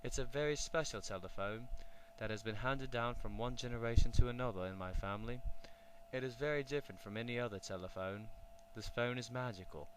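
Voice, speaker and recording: Engelbert Duck, a jolly duck gentleman voiced by a man. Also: mid-range voice, brisk, background noise, close to an everyday voice. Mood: cheerful. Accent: British English. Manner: cheerful, polite, reassuring. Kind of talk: children's storybook reading.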